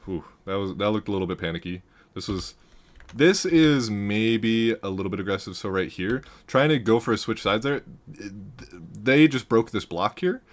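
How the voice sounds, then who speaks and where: Low-voiced man breaking down gameplay. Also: normal speed. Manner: rambling, self-correcting, laughs often, gets loud when excited. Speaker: gaming commentator reviewing a match. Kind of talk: casual game analysis commentary.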